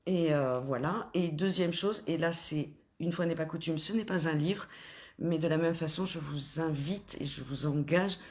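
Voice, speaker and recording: A woman coaching spiritual followers in an informal talk, gently encouraging them while pausing often and restarting her sentences. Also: sits low. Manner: hesitant, full of pauses and restarts.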